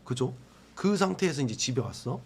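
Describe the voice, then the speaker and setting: Animated man hosting a ghost investigation. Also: medium pitch, normal speed, husky. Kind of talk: casual interviewing and commentary.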